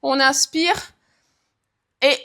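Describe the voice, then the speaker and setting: A woman's voice: high-pitched, steady tone, drawn-out words, sharp tone. A woman leading a guided leg workout, counting reps and cueing form as she exercises. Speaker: fitness coach.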